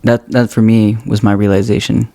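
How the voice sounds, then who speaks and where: A man's voice: lowish voice, level tone, moderate pace, warm tone. A man in his twenties co-hosting a podcast, speaking frankly and laid-back in casual chat. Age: 20s. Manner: laid-back, frank, lots of "you know". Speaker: podcast co-host.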